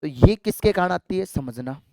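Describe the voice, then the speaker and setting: Smooth-voiced biology teacher drilling exam students. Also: medium pitch, animated, normal speed, a little mellow, dry recording, studio quality. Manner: asks students rhetorical questions and answers them; calls students affectionately "child" and "dear kids". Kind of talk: exam-prep classroom lecture.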